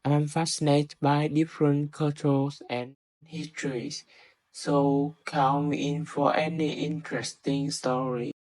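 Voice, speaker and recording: A student playing a polite young male English tourist in a school skit, speaking slowly. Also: medium pitch, level tone, a little mellow, close to an everyday voice. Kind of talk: student skit role-play. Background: background music.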